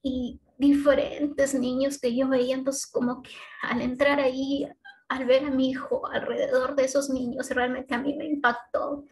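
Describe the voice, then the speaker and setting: Higher-voiced woman sharing a heartfelt testimony. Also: level tone, a little mellow, rough recording. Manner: heartfelt and halting, with frequent restarts and a tag question. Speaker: mother giving a faith testimony. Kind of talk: personal faith testimony told conversationally.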